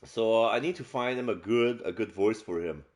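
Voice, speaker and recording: A man doing casual let's play narration, describing game scenes aloud in a halting way. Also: fairly low pitch. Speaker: game streamer and voice-over player.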